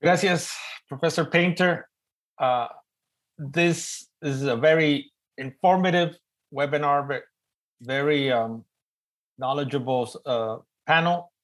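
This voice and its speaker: A middle-aged man with an East Los Angeles Chicano accent, moderating a webinar informally in a joking, animated way and often repeating words. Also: on the high side, slow, pauses often. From East Los Angeles, United States. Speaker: panel moderator.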